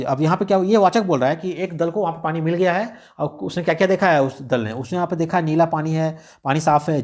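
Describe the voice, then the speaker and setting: A man tutors exam students on radio script writing. He talks quickly and sits a little high in pitch. He walks through each scene step by step, rephrasing points as he goes. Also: darkish tone. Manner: explains step by step, repeating and rephrasing. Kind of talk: explaining a radio script in a lesson.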